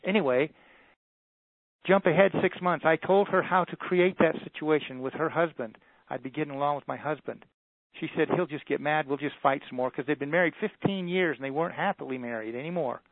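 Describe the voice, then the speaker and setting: A man speaking as a motivational speaker, telling a story and acting out the dialogue while he pitches a coaching package. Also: brisk, no echo. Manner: storytelling, voices quoted dialogue. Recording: tinny phone-like audio, dry.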